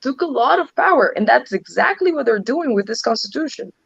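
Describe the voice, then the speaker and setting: A woman's voice: on the high side, expressive, fairly quick, creaky, breathy edge, no room sound, muffled recording. A woman from Ecuador, answering interview questions earnestly and restarting her sentences often. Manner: earnest, frequent restarts and "um" fillers. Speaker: interview guest, legislative advisor.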